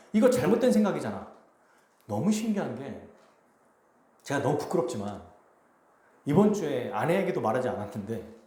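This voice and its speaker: A male pastor preaching in a lively, high-pitched voice whose pitch rises and falls widely. He tells his story with animation. The sound is roomy, with echo from a church hall. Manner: animated storytelling, acts out quoted lines. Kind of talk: sermon with a personal story. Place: church sanctuary.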